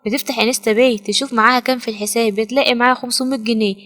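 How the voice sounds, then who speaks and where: A young woman with an Egyptian Arabic accent, narrating a story recap in a lively, colloquial way. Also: fairly high pitch, racing.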